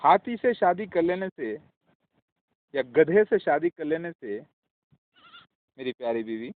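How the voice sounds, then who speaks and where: A man giving a long preachy personal message in a pleading tone, calling the listener his daughter and now and then shouting at barking dogs. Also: a little high, big pitch swings, dry recording. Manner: shouts at barking dogs, breaks off mid-phrase. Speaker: self-proclaimed religious claimant. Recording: phone-like lo-fi with faint noise.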